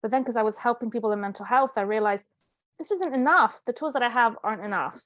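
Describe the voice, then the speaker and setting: Interviewed as a guest, a life coach raised in Italy shares her story earnestly and reflectively. Her voice is a little high and a bit bright, and she speaks fast, captured in a dry, dull-sounding recording.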